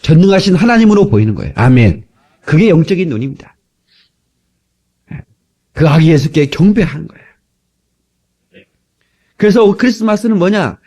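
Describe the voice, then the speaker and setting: A man from Korea preaching a sermon as pastor, lively and humorous with frequent asides to the congregation, recorded on an old cassette tape. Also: on the high side, normal speed, long pauses, husky.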